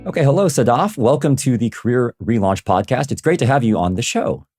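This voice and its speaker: A man's voice: medium pitch, expressive, a little fast, darkish tone, faint music behind. A man hosting a career podcast and asking his guest questions. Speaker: podcast host. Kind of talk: interview podcast.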